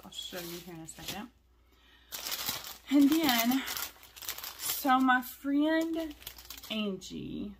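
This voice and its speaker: A woman, chatting excitedly to her viewers in a cross-stitch vlog and often saying y'all. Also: medium pitch, a little hiss or hum. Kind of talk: casual chat to viewers.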